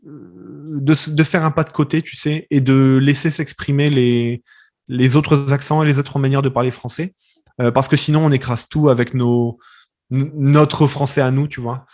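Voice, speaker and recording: A man's voice: mid-range voice, little pitch movement, normal speed, a little mellow. Young French man, standard accent from France, casual interviewee, radio journalist, talks with many fillers. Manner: conversational, many fillers and restarts. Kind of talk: relaxed interview.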